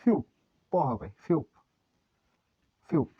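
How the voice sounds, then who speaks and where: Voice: takes it slowly, lo-fi sound. A teacher gives an online language lesson, patiently repeating each sound many times as a drill.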